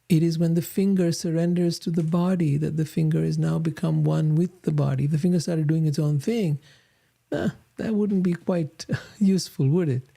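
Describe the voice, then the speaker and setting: A spiritual teacher reads scripture and then reflects on it in an earnest, unhurried manner. The voice is very dark and mellow, with a steady gravelly fry. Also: mid-range voice. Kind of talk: scripture reading and devotional talk.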